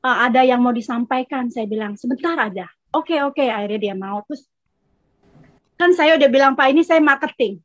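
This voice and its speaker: A woman with a high voice tells a casual church testimony, chatty and acting out each side of a conversation. The sound is close and dry, a little dull and lo-fi. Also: normal speed, no echo. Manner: chatty, acts out both sides of a conversation. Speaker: congregation member giving testimony.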